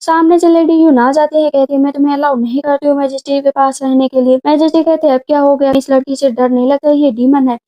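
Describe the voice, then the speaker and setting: A woman's voice: sits high, little pitch movement, fast, hardly any pauses, mellow. A woman narrating a drama recap in a casual storytelling way, speaking the characters' lines in her own voice. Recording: dull lo-fi sound.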